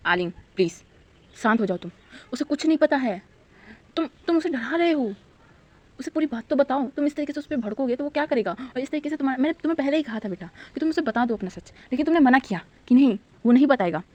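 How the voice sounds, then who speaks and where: A woman voicing a worried middle-aged mother who pleads and explains gently. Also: high voice, animated, fast, highs cut off, voice pushed up. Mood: pleading.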